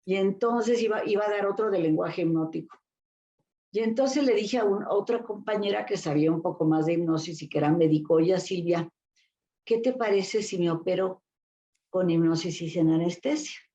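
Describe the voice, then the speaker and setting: Her lowish, warm voice moves at a normal speed over lo-fi sound. An older Mexican-accented therapist appearing as an interview guest, she tells meandering career stories packed with fillers and restarts.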